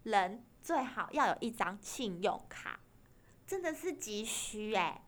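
A woman's voice: mid-range voice, a little slow. A young woman with a Taiwanese Mandarin accent telling a travel story as a podcast host, acting out the voices of the people in it. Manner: animated storyteller, acts out quoted voices, laughs and cries while telling. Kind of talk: casual storytelling chat.

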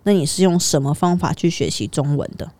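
A woman's voice: sits low, brisk, dark tone, dry recording. A woman with a Taiwanese Mandarin accent talks casually as a podcast host, repeating phrases for emphasis. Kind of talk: casual conversational interviewing.

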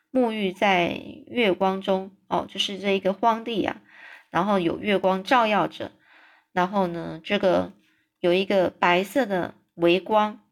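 A woman reading a children's book aloud in a relaxed, unpolished way. She often breaks off to restart a phrase or explain a word in her own casual words. Her pitch sits around the middle for a woman. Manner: unscripted asides, restarts and explanations. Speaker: storyteller.

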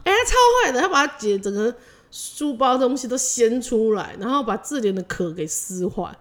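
A woman's voice: fairly high pitch, normal speed. A woman, a mother telling stories about her two children in casual chat, acting out their voices. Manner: animated storytelling, acts out children's voices.

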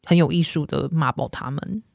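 A woman's voice: sits low, steady tone, moderate pace, gravelly, no room sound, studio quality. A woman co-host acting as the learner, repeating words after the teacher in a playful way.

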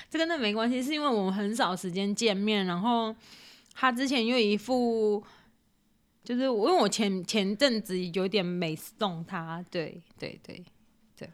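A woman's voice: mid-range voice, a little slow. A young woman from Taiwan, co-hosting a podcast in giggly, teasing casual chat. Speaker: podcast co-host.

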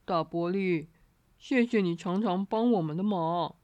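A woman voicing a kindly father rabbit who talks slowly and reassuringly. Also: on the low side, dry recording, voice pushed down, natural voice. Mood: gentle. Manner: slow, gentle and reassuring.

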